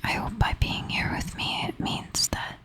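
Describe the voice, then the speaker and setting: A tired woman whispering softly and slowly to the listener in a relaxed, intimate ASMR chat, sometimes slipping into a soft half whisper. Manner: soft, slow, intimate whispering with gentle laughs. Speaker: ASMR creator.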